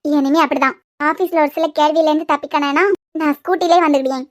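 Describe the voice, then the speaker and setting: A woman's voice: high-pitched, steady tone, fast talker, no room sound, studio quality, voice pushed down, close to an everyday voice. A woman with a Kanyakumari Tamil accent voicing a sulky, sarcastic young wife in a cartoon series. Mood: curt. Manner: curt, sarcastic. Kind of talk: cartoon web series voice acting.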